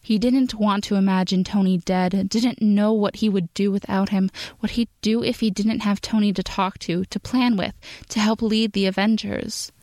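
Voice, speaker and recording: Woman, audiobook-style narration, measured, dry recording. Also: medium pitch, steady tone, dark tone, no echo. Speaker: podfic reader. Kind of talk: scripted narration.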